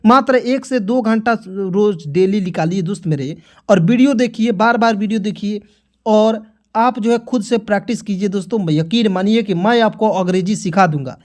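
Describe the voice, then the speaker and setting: A man's voice: sits high, moderate pace. A man teaching English pronunciation rules in an online lesson, talking to viewers as friends and repeating himself often, sometimes breaking into motivational exhortation. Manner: repetitive, keeps addressing viewers as friends.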